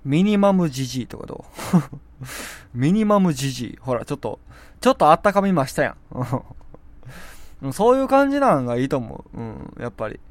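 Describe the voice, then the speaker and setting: A man's voice: on the high side, sing-song, a little fast, dry recording. Kansai man chatting with a scratchy throat. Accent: Kansai Japanese. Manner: rambling, self-mocking, chatty. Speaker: web radio host. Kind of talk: casual solo chat. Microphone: speaking through a face mask.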